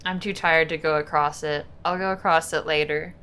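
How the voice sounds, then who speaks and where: A woman's voice: low voice, steady tone, normal speed, fairly bright tone, a little hiss or hum. A woman streaming a video game with casual, playful, wry chat.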